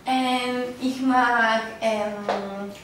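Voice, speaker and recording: A woman from Barcelona, a beginner German student who talks hesitantly with many pauses in a classroom role-play dialogue. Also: on the high side, steady tone, a bit bright, slight background noise. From Barcelona, Spain. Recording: echoey classroom, far from mic.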